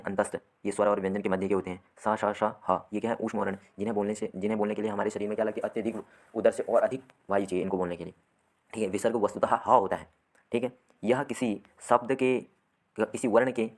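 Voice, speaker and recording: Male teacher, lowish voice, steady rhetorical question-and-answer delivery for an online lesson. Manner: asks the class questions and answers them himself; repeats "theek hai" often. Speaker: Sanskrit grammar teacher.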